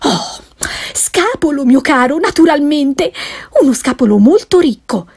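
A woman reading an audiobook, voicing a fussy, excitable middle-aged wife and mother who pleads and exclaims eagerly. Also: high voice, measured pace, voice pushed up. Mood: excited.

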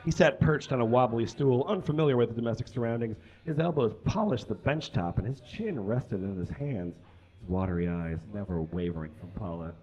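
The audio is dull, captured by a camera a few metres from a small curtained stage where a young comedy reader delivers a story in a theatrical, mock-serious manner with ad-libbed asides. He speaks fairly quickly in a medium-pitched, slightly mellow voice.

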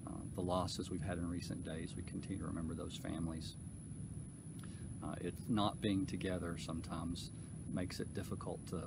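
Pastor, man, 40s: low, deliberate delivery full of "uh"s, recorded outside with steady background noise. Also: creaky. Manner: unhurried, halting with many fillers. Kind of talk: church update and prayer. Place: outdoors on a church lawn. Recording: outdoor noise behind voice.

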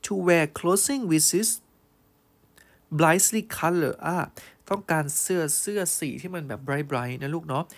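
A male teacher giving an online English grammar lesson. He reads test sentences slowly, then explains them fondly, calling students "child" and checking they follow. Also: a little high, lively intonation. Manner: fond, calls students "child" and checks understanding.

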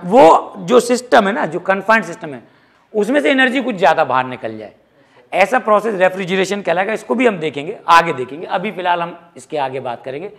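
Guy teaching physics, fairly high voice, jokey, throws in english words. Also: fairly quick, vocal fry. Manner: lively, jokey, mixes English terms into Hindi. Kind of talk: classroom lecture.

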